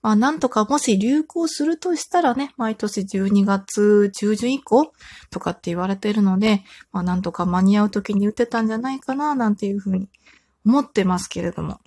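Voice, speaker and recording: A woman in her thirties hosting a solo talk show, chatting in a calm, relaxed way and telling everyday stories. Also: mid-range voice, moderate pace, slightly rough, no room sound. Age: 30s. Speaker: podcast host.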